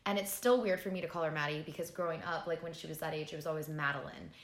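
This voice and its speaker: A woman's voice: deep voice, steady tone, quick pace, roomy sound. A woman in her twenties co-hosting a podcast, chatting casually over wine with lots of "like" and easy laughter. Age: 20s. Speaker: podcast co-host.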